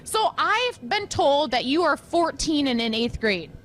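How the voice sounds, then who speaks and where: An American woman reporter chats in a high, bright voice, bubbly and informal. She is interviewing outdoors in cold air that catches her breath. A light generator noise sits behind her. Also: sing-song, unhurried. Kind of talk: casual on-location interview. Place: outdoors in the cold at a frozen lake. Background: generator running.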